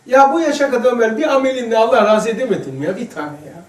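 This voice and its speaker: A man giving an informal religious lesson to a small group, chatty and addressing listeners by name, moving between hushed asides and emphatic passages. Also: very high voice, fast talker. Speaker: religious teacher. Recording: echoey room, distant mic.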